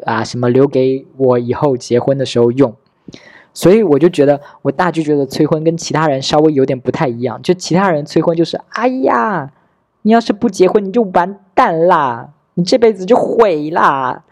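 A man's voice: mid-range voice, warm tone, no room sound, clean studio sound. A man in his thirties, hosting a podcast, tells a personal story candidly and wryly, replaying his conversations with relatives. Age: 30s. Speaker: podcast host. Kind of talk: casual storytelling monologue.

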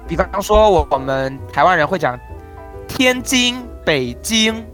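A man's voice: a little high, expressive, normal speed, fairly bright tone, faint music behind. A man from Taiwan with a Taiwanese Mandarin accent, a crosstalk performer chatting as a guest and explaining pronunciation with playful demonstrations. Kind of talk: casual interview chat.

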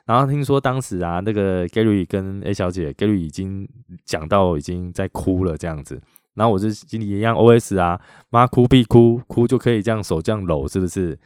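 A man's voice: deep voice, no echo, clean studio sound. A middle-aged man with a Taiwanese Mandarin accent, hosting a podcast and animatedly retelling a personal story in a chatty way. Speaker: podcast host.

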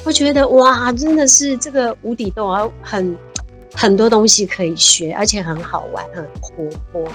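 With soft music playing, a woman whose voice sits on the high side chats at normal speed. A civil servant from Taiwan in her 50s, she's a lively interview guest who laughs easily and fills her speech with fillers.

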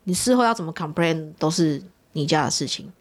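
A woman, an online shop owner telling customer stories in casual chat with animated flair. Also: deep voice. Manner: animated storyteller, quick and expressive.

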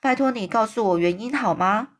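A woman's voice: mid-range voice, brisk, natural voice. A woman voicing a polite, curious little girl who asks eager questions.

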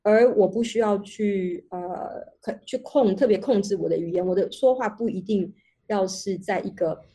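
Guest researcher, female; mellow, husky tone; talks at length over a video call, circling back and rephrasing. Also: medium pitch, moderate pace. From Taiwan. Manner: long reflective explanations with many restarts. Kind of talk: online panel talk.

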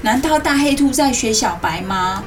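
A woman hosts a children's story programme, reading as if to a toddler, in animated simple phrases with coaxing questions. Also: fairly high pitch, normal speed, far from the mic. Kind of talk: interactive storytelling to young children, asking questions. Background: music.

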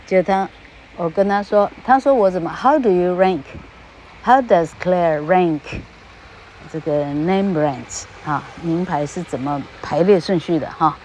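A woman's voice: lowish voice, a little slow, a little mellow, slight background noise, poor audio. A woman giving a casual podcast lesson on English pronunciation. She talks into a podcast microphone in a chatty way, tagging her sentences with little fillers and stretching out the example words.

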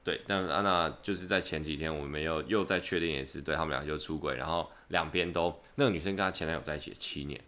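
A young man from Taiwan with a Taiwanese Mandarin accent, telling stories lively on a casual podcast and throwing in slangy curses. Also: very deep voice, quick pace, few pauses. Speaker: podcast co-host. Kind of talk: casual chat, storytelling.

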